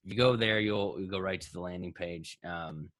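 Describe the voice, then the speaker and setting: A man's voice: low voice, normal speed, a bit bright, dry recording, rough recording. A man with a Texas accent, a guest entrepreneur chatting casually on a video call, enthusiastic and rambling with many restarts. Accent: Texan.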